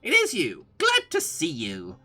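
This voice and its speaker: A performer voicing a prim, fussy rabbit from a storybook, who speaks with drawn-out emphasis. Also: mid-range voice, huge pitch swings, bright, forceful tone, pitched above the performer's own voice, full character voice. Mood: cautious, polite.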